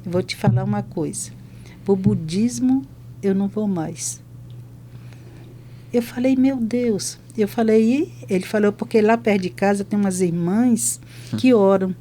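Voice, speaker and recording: Mellow-voiced woman chaplain telling stories. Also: medium pitch, unhurried, a little hiss or hum. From Brazil. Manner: lively retelling that acts out both sides of conversations. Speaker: hospital chaplain. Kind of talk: podcast testimony storytelling.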